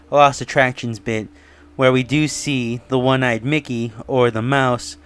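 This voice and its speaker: An online video host muses casually through his opinions and theories in a review, dropping in frequent asides. His medium-pitched voice is clear, resonant and a bit bright.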